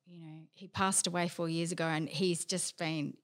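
A woman from Australia, a lawyer, chatting openly and lively as a podcast guest. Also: fairly low pitch, normal speed. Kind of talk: casual interview chat.

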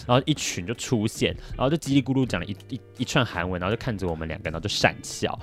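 Fast-talking young man. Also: fairly low pitch, soft background music. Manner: animated storytelling, indignant and laughing. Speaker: podcast guest. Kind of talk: casual podcast chat.

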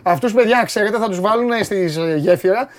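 A man hosting a sports show, bantering and teasing his co-host in a TV studio. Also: sits high. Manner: teasing, playful.

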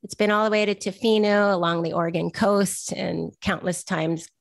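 A woman's voice: medium pitch, steady tone, normal speed, creaky, no room sound. A woman in her forties from Vancouver, chatting as an interview guest and telling stories in a self-deprecating way. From Vancouver, Canada. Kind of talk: casual interview conversation.

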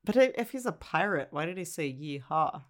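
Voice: medium pitch, expressive, fast. A podcast co-host chatting casually and explaining commercials in a dry, matter-of-fact way. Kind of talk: casual chat.

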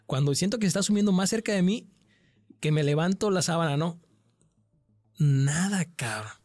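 A man with a Mexican accent and a fairly high voice recounts a frightening night in a loose, slangy storyteller's way, full of swearing. The sound is close and dry, with no room around it. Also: normal speed, dry recording. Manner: frequent slang and swearing, animated retelling. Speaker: guest telling a paranormal experience. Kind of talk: casual storytelling chat.

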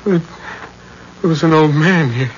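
An actor playing a meek, earnest, bewildered shopkeeper and husband, speaking haltingly in a period drama. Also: male voice, a little high, natural voice. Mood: bewildered, insistent. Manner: hesitant, halting. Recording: dull, noisy old recording.

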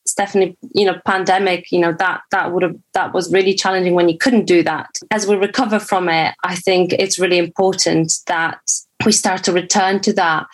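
A woman's voice: on the low side, steady tone, moderate pace. A woman from Poland, a guest on a podcast, talking in a hesitant, reflective way with many restarts. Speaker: podcast guest, brand founder. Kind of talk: casual podcast conversation.

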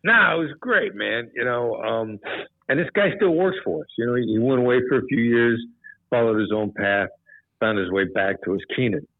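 A man's voice: mid-range voice, moderate pace, no echo. A man, a former hostage negotiator, telling stories and giving advice in a casual podcast chat, with lots of "you know". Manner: relaxed, repeats "you know", animated when quoting others. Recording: tinny phone-like line, dry.

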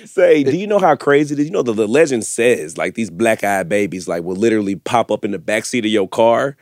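A man's voice: on the low side, animated, a little fast, a little mellow, no echo, clean studio sound. A man co-hosting a podcast with casual, slangy, joking banter. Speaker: podcast co-host.

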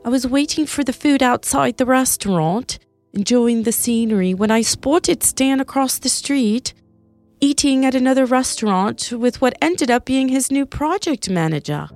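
A woman voicing Haven, a calm, affectionate woman, in a brighter, raised tone within a read-aloud story. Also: on the high side, moderate pace, faint music behind, pitched above the performer's own voice. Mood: calm, reassuring. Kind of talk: storybook character reading.

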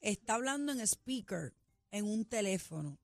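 A woman co-hosting a radio show, chatty and quick to defend her opinions in lively banter. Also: mid-range voice, gravelly, no room sound, faint music behind. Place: radio studio.

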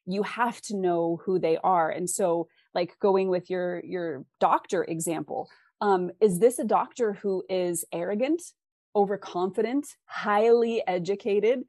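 A fiction author appears as an interview guest, speaking conversationally and articulately about writing craft and giving examples. Her voice is medium-pitched with a darkish tone, her pace unhurried, and there's no echo.

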